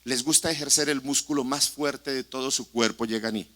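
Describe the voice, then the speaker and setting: A man's voice: mid-range voice, normal speed, bright, forceful tone. A male pastor preaching a sermon in a church sanctuary, impassioned and putting questions straight to the congregation.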